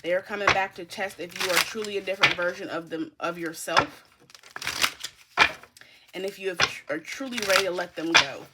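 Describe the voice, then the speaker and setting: A woman's voice: fairly low pitch, normal speed, heavy background noise. A woman giving a casual spiritual card reading, talking straight to the listener, emphatic and swearing freely. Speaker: spiritual tarot reader.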